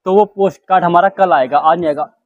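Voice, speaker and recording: A man's voice: high voice, fast, dry recording, phone-quality sound. A man hosting a casual podcast, prompting his guests with short replies and addressing viewers. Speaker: podcast host.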